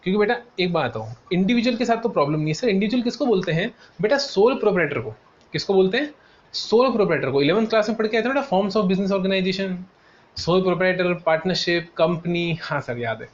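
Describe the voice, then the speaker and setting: A man's voice: high voice, quick pace. A male tutor giving a classroom lecture. He calls students "beta", answers his own questions in a student's voice, and repeats key terms. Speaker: CA exam tutor. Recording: dull lo-fi sound with faint noise.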